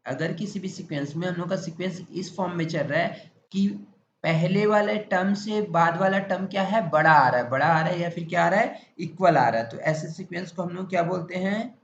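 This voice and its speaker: A man with an Indian accent lectures a maths class, his voice sitting fairly high. He repeats points and fires questions at the students, then answers them himself. The sound is roomy and echoey, a little muffled, with faint background noise. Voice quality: repetitive, drawn-out explanatory delivery. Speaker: maths teacher.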